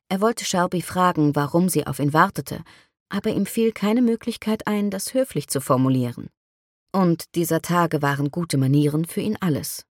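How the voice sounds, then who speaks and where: Low-voiced woman narrating a novel. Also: no echo, studio quality. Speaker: audiobook narrator. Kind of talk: scripted narration.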